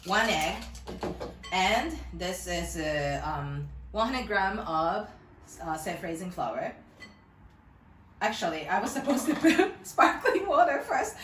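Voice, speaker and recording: A woman's voice: mid-range voice, fairly bright tone, slight background noise. A woman in her thirties from Tokyo with a Japanese accent, hosting a casual cooking demo in her home kitchen, chatty and rambling and laughing often. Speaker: cooking video host. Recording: echoey kitchen, mic at a distance.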